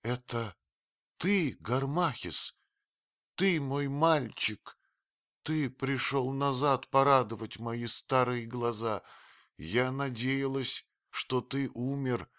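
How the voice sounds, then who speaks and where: A man reading an audiobook, voicing a very old grieving female servant who wails and scolds in a strained high voice. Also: takes it slowly, a bit bright, dry recording, clean studio sound. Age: older.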